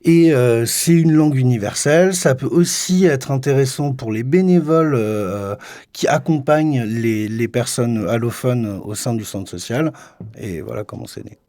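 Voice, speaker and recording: A man's voice: mid-range voice, moderate pace, warm tone, dry recording. A man who coordinates an association, explaining a project as a guest in a radio studio, rambling with many fillers and restarts. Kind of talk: radio interview.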